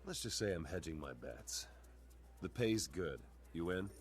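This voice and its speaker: An actor playing an earnest, guarded guard captain in a noir game scene, firm and clipped. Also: male voice, low voice, lively intonation, measured pace. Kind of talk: video game voice acting, film noir dialogue. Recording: music under the voice.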